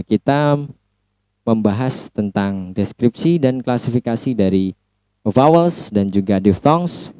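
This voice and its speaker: A man with an Indonesian accent lecturing on phonology, repeating each sound slowly for practice. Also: on the low side, dark tone, no echo. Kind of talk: slow recorded lecture explaining sounds.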